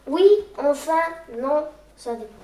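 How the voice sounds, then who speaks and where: A woman's voice: on the high side, unhurried, darkish tone, reverberant, distant mic. A woman playing a pedantic older sibling who corrects grammar in an impatient, lecturing way. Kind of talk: amateur theatre acting.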